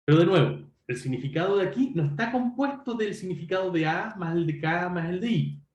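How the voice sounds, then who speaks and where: A man teaching an online lecture in a high, animated voice that rises and falls. He explains step by step, pauses to check in with his students and often corrects himself. The sound carries a roomy echo. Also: highs cut off. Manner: self-correcting, frequent "perdón". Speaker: university lecturer.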